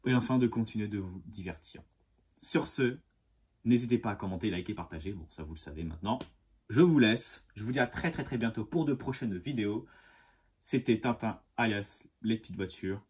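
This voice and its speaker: A man hosting a casual unboxing vlog as a model car collector, enthusiastic and halting, with many fillers and restarts. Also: on the low side, lively intonation, darkish tone, husky. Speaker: die-cast model car collector and channel host.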